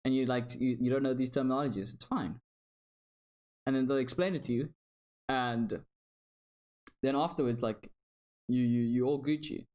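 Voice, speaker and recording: A man's voice: mid-range voice, fairly even intonation, moderate pace, long pauses, darkish tone. A young man co-hosting a podcast in casual chat, rambling, restarting words and laughing often. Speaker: podcast co-host.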